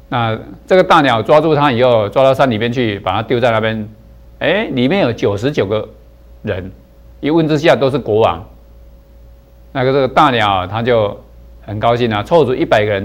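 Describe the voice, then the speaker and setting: A man gives a Buddhist dharma lecture in an unhurried, soft-spoken way. His voice sits at an ordinary middle pitch. He fills his pauses with long, drawn-out particles. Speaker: Buddhist teacher.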